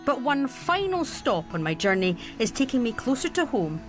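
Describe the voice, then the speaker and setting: Lively Scottish woman presenting. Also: on the high side, over music. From Scotland. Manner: cheerful, jokey and quick to laugh. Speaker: travel show host. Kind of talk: presenting, chatty and with voice-over narration.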